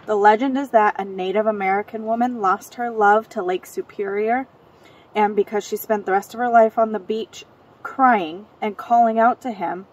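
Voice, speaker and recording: A woman from Michigan reads local legends aloud outdoors on a cold night. Her delivery is steady and measured, and her voice is slightly husky. She sits at a distance from the mic. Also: medium pitch. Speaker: co-host of a ghost story show.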